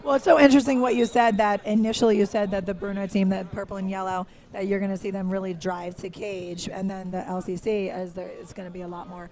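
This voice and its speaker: A woman's voice: mid-range voice, level tone, fast, few pauses, a little mellow. A woman co-commentating on a lacrosse match, bubbly and playful in a casual live style. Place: outdoors at a sports field.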